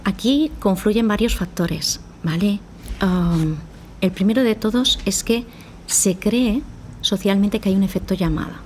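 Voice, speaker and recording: Speaking a little slowly in a medium-pitched, darkish voice, a woman psychologist is interviewed on a podcast with slight background noise. She explains things at length and acts out how she talks with parents.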